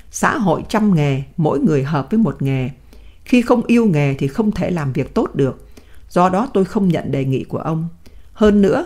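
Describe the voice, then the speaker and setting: Woman reading as a stubborn old male prisoner, firm and measured. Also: lowish voice, a little mellow.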